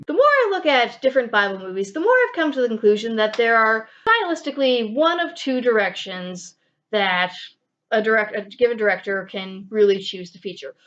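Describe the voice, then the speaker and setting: Animated woman reviewing films. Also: a little high, a little fast. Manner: animated, playful asides. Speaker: film reviewer, co-host. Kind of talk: casual review chat. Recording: dull lo-fi recording.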